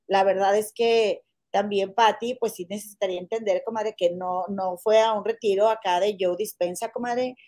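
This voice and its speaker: A woman's voice: medium pitch, steady tone, moderate pace, darkish tone. A woman giving her opinions in a casual gossip chat, repeatedly calling her friend comadre.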